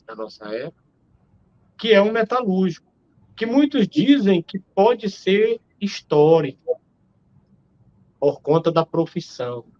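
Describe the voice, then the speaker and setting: A man's voice: a little high, darkish tone, lo-fi sound. Emphatic Brazilian man in his forties. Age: 40s. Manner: emphatic, argumentative, rhetorical questions. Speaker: theologian guest. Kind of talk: live-stream discussion.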